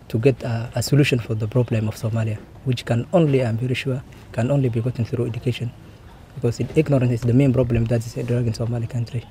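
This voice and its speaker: A man answering interview questions in a measured way, often hedging with "maybe". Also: medium pitch, warm tone, a little hiss or hum.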